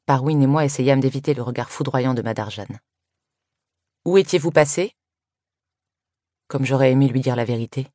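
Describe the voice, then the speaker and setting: A woman reading a first-person story aloud in an even, measured way. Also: rumbling low, dry recording, clean studio sound. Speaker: audiobook reader. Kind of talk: scripted first-person narration.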